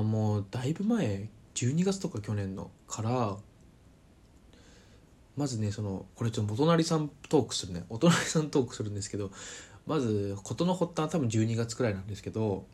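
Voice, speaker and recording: A man casually telling a personal story to camera, chatty and full of fillers, animated as he retells events. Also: fairly low pitch, husky. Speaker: vlogger.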